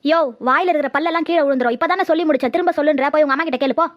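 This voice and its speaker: Woman playing a sharp-tongued young daughter-in-law. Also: sits high, rapid-fire, no echo, lo-fi sound, lightly acted. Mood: angry. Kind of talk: comedy skit acting.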